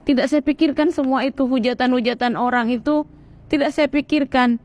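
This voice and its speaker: A woman from Sumatra gives a personal testimony in an earnest, animated way. Her voice sits somewhat high for a woman. She slips into other people's voices when she quotes them. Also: brisk.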